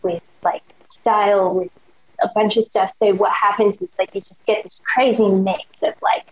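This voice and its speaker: This is a young Australian woman guesting on a podcast, speaking at a moderate pace in a mid-range voice with fairly even intonation. Her casual chat is enthusiastic and slangy, with many "like" fillers. The sound quality is dull and lo-fi.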